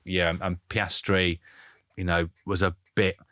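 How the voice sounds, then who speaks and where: A man with a very low voice, co-hosting a relaxed podcast chat. He talks in an easygoing way with short agreeing replies, recorded dry and close. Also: measured pace, dry recording. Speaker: podcast co-host. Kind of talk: casual chat.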